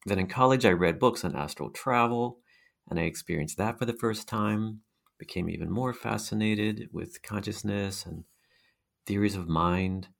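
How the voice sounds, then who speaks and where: A man's voice: fairly low pitch, moderate pace, vocal fry. A middle-aged man with a hypnotic, mesmerizing voice, answering interview questions conversationally as a guest researcher.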